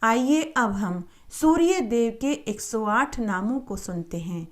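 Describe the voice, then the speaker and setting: A woman reading a devotional tale aloud and then reciting a long list of sacred names in a steady, measured cadence. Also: on the high side. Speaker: devotional storyteller.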